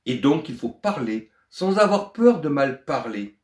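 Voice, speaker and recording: An older man teaching French to foreign learners, speaking deliberately and clearly in a lesson. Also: medium pitch, echoey room. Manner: deliberate, lively melodic teaching voice. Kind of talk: slow explanatory lesson to learners.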